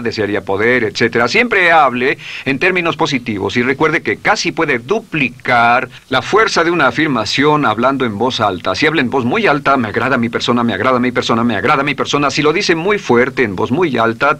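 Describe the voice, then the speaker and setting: Bright-voiced man narrating a self-help lesson. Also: mid-range voice. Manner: instructive, repeats affirmations aloud. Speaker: course narrator.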